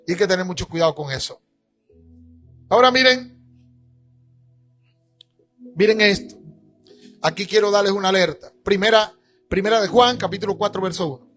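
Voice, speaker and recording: A male pastor preaching a church sermon, emphatic, rising at times to shouts. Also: high-pitched, normal speed, long pauses, faint music behind.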